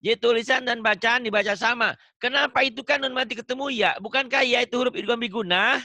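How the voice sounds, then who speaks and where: A man's voice: extremely high pitch, fast, vocal fry, pushed and bright, no room sound. A man teaching tajwid one-on-one, patient and questioning, repeating his points over and over. He quizzes the student and explains the rules step by step. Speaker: Quran recitation teacher.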